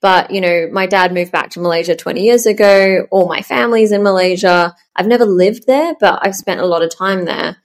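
A woman, a startup founder chatting in an interview, full of ums and soft laughs. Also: mid-range voice, fairly quick, hardly any pauses. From Australia. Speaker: startup founder, podcast guest. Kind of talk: casual interview chat.

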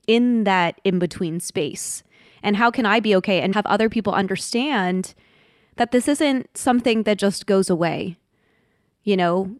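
A woman's voice: mid-range voice, no room sound, studio quality. A woman in her thirties from the United States, speaking as a podcast guest in a reflective, candid way. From Washington, D.C., United States. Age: 30s. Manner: thoughtful, candid, slows down on heavy points. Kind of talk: reflective interview conversation.

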